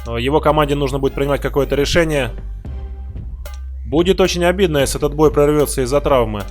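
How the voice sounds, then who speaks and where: A man's voice: fairly high pitch, quick pace. A man giving live sports commentary on a fight as its commentator. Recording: loud crowd, music behind voice. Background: crowd and music.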